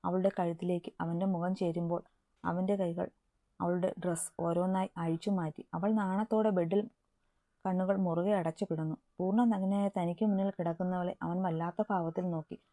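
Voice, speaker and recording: A woman narrator reading a romance story aloud in a calm, even storytelling manner. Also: on the low side, moderate pace, no echo.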